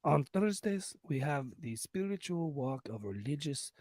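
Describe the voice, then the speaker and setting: In a put-on voice for a comic podcast sign-off, a man plays a sultry Latin lover, flirting haltingly in broken English with a playful, crude mood. His husky, breathy voice is a little high and darkish, sometimes dropping to a whisper and swinging up and down in a sing-song way. The podcast sound is close and dry, with no echo.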